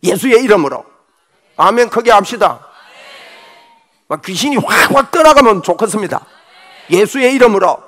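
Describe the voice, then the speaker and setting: A middle-aged male pastor preaching a Sunday morning sermon fervently, with sudden shouts. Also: high voice, big pitch swings, brisk, a faint crowd.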